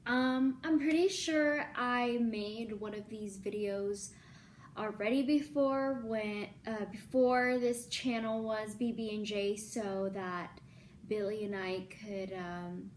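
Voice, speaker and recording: Chatty young woman with a slow, easy delivery. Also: medium pitch, a little hiss or hum. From born in Libya, Filipino. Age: 20s. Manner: chatty, lots of ums and likes, excitable. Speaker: YouTuber. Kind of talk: casual facts vlog.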